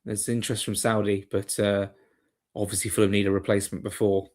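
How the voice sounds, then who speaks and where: Guy with a lowish voice doing chatty match commentary on a livestream, rambly, lots of asides. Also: little pitch movement, brisk, a little mellow. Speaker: watchalong host. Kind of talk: live match commentary and chat.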